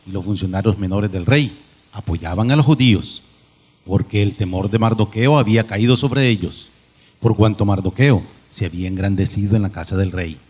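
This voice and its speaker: A man reading scripture aloud in a steady, measured way. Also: lowish voice, husky. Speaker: scripture reader.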